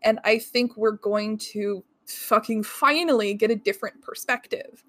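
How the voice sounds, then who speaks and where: A woman's voice: on the high side, a little slow, no room sound. A woman co-hosting a casual podcast chat, talking frankly and swearing casually. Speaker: podcast co-host.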